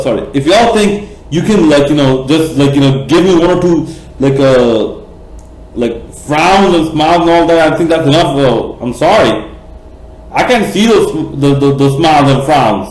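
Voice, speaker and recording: A man's voice: on the high side, a little mellow. A man from Bangladesh ranting passionately in a cricket vlog, rambling with many fillers and restarts, blunt and profane. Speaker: cricket vlogger. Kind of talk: opinionated vlog rant. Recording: echoey room.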